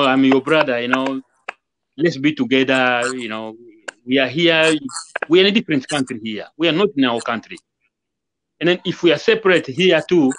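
A man speaking as a guest on a video call, his voice a touch high for a man, with a faint noise under the webcam audio. He talks earnestly and a little preachily, circling back to repeat his points. He acts out quoted greetings in a livelier voice. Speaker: guest musician. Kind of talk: casual interview talk over video call.

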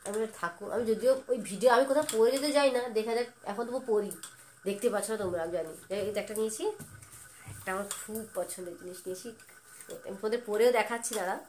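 A young adult woman vlogging casually from home, talking in a quick, rambling, chatty way as she shows what she bought. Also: mid-range voice, a little mellow, slight background noise. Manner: rapid, chatty, rambling talk. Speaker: lifestyle vlogger. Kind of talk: casual home vlog chat. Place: indoors at home, fan running.

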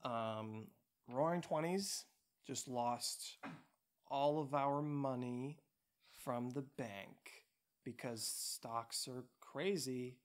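A man's voice: mid-range voice, extremely slow. A young man co-hosting a casual podcast with his partner, joking and rambling with plenty of fillers. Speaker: podcast co-host. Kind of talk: casual couple chat.

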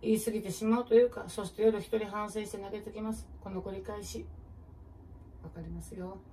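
A woman comedian with a Kansai accent, musing aloud in relaxed casual chat while she preps food, answering viewer comments. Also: mid-range voice, fairly quick. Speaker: comedian and channel host. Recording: distant mic with faint kitchen noise.

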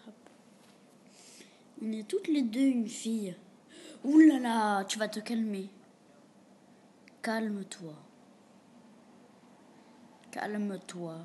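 A woman casually chatting with a chatbot on camera at home, reading its replies aloud and often dropping to a quiet, half-whispered mutter. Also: mid-range voice, slow pace, long pauses, a little hiss or hum. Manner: reads the bot's replies aloud and answers them. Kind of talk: casual gaming commentary. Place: room at home with a door.

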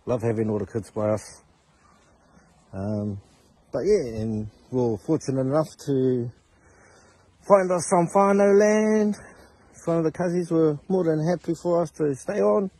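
A man's voice: on the high side, a little slow, pauses often, dark tone, husky, dry recording. A man in his forties with a Māori New Zealand accent, talking casually to his phone in hesitant short phrases. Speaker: father showing his family's living setup. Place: outdoors in rural land. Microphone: phone at arm's length. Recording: noisy handheld phone recording outdoors.

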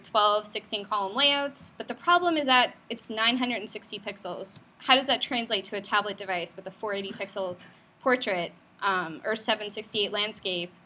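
Slight background noise surrounds this woman's bright, forceful, medium-pitched voice as she presents a conversational tech talk in a company meetup room. She keeps it friendly and casual, dropping frequent fillers and quizzing the audience.

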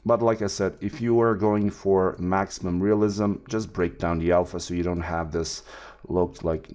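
Male tutor, very deep voice, relaxed screen-capture walkthrough with frequent fillers. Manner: relaxed, with many fillers and restarts. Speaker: 3D art tutor. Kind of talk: screen-recorded software tutorial.

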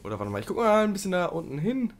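A young man doing casual let's play commentary, chatting to the game creature and sometimes swearing loudly. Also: high voice, sing-song, very fast.

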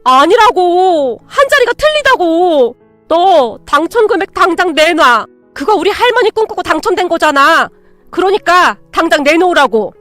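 A hotheaded, greedy young ex-boyfriend, as a woman narrator puts him on blusters and yells in a high, strained voice. The recording is dry and close, with faint music underneath. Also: animated, moderate pace, dry recording. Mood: furious. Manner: shouting, drunk and demanding.

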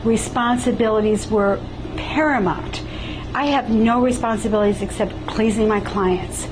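A woman's voice: on the high side, moderate pace, noisy background. An older woman, a salon suite owner, speaking enthusiastically and emphatically in a testimonial interview in a small salon.

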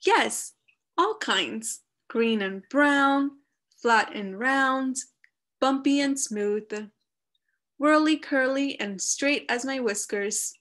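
A woman's voice: high voice, extremely slow, a bit bright, heavily acted. A woman voicing a perfectionist male badger gardener in a storybook, earnest and careful about order. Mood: eager.

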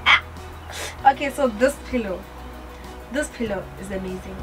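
A teenage girl sits on a living room couch chatting casually with her father, rambling with plenty of fillers and giggles. Her voice is mid-range at normal speed. Music plays underneath, and the recording is rough.

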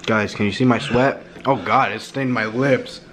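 A man's voice: mid-range voice, steady tone, moderate pace, noisy background. A young man chatting casually to camera as a vlogger, his mouth burning from spicy food. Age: young adult. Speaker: vlogger doing a food challenge. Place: home kitchen, indoors. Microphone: camera a few feet away. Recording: echoey room, distant camera, faint kitchen clatter.

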